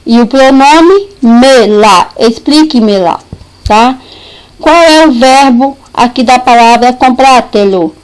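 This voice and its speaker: A woman's voice: on the high side, lively intonation, slow, clean tone, rough recording. A woman teaching a recorded lesson, patiently repeating points and checking that students understand.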